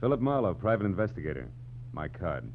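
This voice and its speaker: An American actor playing a tough, sardonic private detective in 1940s radio style, with clipped, wisecracking delivery. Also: male voice, low-pitched, big pitch swings, quick pace, slight background noise. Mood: cool, sardonic. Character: wry, tough, cool male private detective. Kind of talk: 1940s radio detective acting, first-person narration. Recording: muffled, humming 1940s radio recording.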